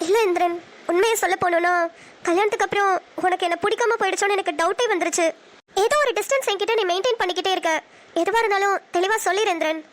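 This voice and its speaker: A woman voicing a teasing, emotional young wife in a cartoon, quick and sarcastic. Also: very high-pitched. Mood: earnest, persuading. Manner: sarcastic, quick, prone to sobbing. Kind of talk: cartoon voice acting.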